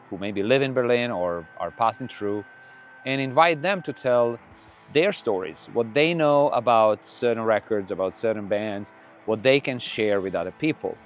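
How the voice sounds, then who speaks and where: A middle-aged man from Croatia, a podcast host whose first language is Croatian, talking casually in a relaxed, rambling way with frequent restarts. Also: mid-range voice. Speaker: podcast host and record label owner. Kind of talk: casual monologue. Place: room full of records.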